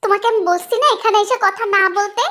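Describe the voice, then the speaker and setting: A woman's voice: very high voice, steady tone, quick pace, fairly bright tone. A woman voicing a bossy but soothing village mother-in-law who scolds, then coaxes. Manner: scolding, then coaxing in dialect.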